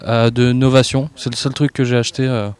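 A man's voice: mid-range voice, flat delivery, fairly quick, darkish tone, smooth. A young man from southern France, a guest musician, answering live radio questions at an outdoor festival, hesitant with many fillers and easy laughs.

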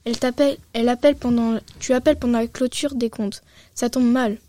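A woman's voice: a little high, fairly even intonation, a little fast, dark tone, dry recording, natural voice. Woman doing a sugary, patronizing secretary. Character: condescending female company secretary, middle-aged. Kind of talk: audiobook reading.

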